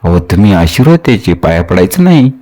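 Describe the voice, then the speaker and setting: A man voicing a gentle, humble king who speaks softly and respectfully in a spoken storybook. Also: low voice, big pitch swings, voice pushed down. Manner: soft, respectful and measured. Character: gentle, humble king consoling a grieving family.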